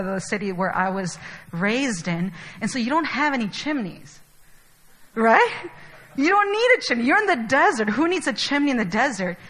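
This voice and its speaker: A woman's voice: a little high, sharp tone, rough recording. A young adult woman from Chile giving a sermon in a casual, chatty way, with many fillers. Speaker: preacher.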